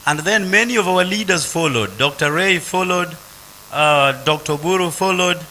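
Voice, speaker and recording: A middle-aged man with a Kenyan accent giving a slow, measured funeral tribute in short, grave phrases as a grieving son. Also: high-pitched, animated, sharp tone, slight background noise, rough recording. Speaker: son giving a eulogy, politician.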